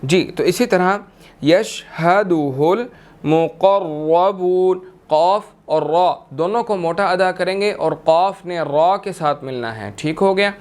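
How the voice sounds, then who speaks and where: High, smooth-voiced man teaching tajweed. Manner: slow drawn-out melodic recitation, then brisk explanation. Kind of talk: tajweed lesson with chanted recitation.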